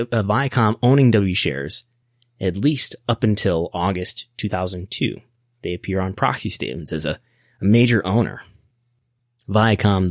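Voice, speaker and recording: A fairly low-pitched American man hosts a podcast, captured with clean studio sound and no room sound. He gives casual explanations of business matters, wry and nerdy, often working through his thoughts aloud.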